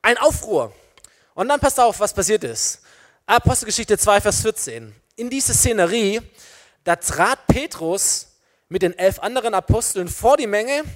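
A man with a high voice preaches to young people. He is lively and casual, and he speaks straight to his listeners. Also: unhurried.

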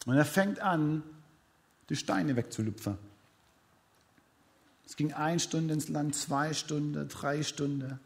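A man's voice: a little high, slow, vocal fry, pauses often. A man preaching a sermon, retelling a story dramatically with repeated counting and speaking directly to his congregation.

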